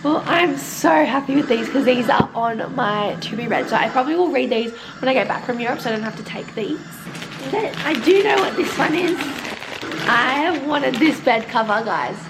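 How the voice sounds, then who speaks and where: A young woman in her early twenties, chatty and gushing in a casual vlog, her voice hoarse from losing it. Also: high-pitched, expressive, normal speed, heavy background noise. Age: early 20s. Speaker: vlogger. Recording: background music.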